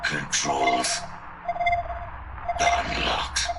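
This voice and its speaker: An actor voicing a malfunctioning rusty robot low on power, through a robotic filter, speaking haltingly one word at a time. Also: male voice, flat delivery, loud music behind the voice, full character voice. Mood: failing.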